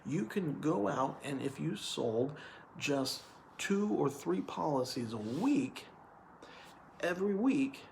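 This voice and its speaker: Male hiring manager, gravelly tone, earnest, repetitive explainer; noisy background. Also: on the high side, sing-song, slow, a little mellow. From California. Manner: earnest, repeats points with "okay?". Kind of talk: explainer video monologue.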